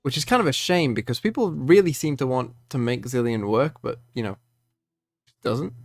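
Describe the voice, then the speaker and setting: A man delivering an unscripted commentary rant, exasperated and incredulous, moving between measured explanation and worked-up emphasis. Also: mid-range voice, no room sound, clean studio sound. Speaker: video creator ranting about card game balance.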